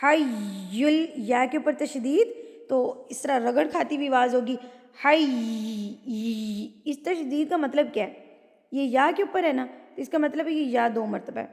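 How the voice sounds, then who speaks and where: A woman teaching a Quran recitation lesson, explaining rules patiently and chanting words in long drawn-out tones. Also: high voice, vocal fry, darkish tone. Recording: long hall reverb.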